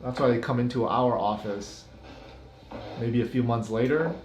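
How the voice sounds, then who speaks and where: A man's voice: medium pitch, normal speed, darkish tone. A middle-aged man, a physician, reacting to clips in a casual commentary, giving blunt warnings with a half-joking edge.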